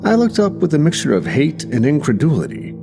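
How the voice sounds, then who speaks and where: A man's voice: on the high side, wildly swooping pitch, fairly quick, vocal fry. A man narrating a first-person horror story in a tense, dramatic way. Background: music.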